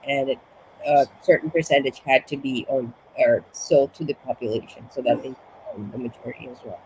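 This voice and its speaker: A guest from Suriname speaks briskly in a rumbling low, dark voice with fairly even intonation during a casual interview. Still a bit breathless from being sick, she explains things at length and frequently starts over, and the rough recording has some hiss or hum.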